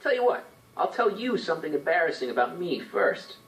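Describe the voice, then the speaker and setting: A breezy teenage time traveler. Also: male voice, fairly high pitch, sing-song, fairly quick, fairly bright tone, roomy sound, distant mic, rough recording. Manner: breezy, persuasive.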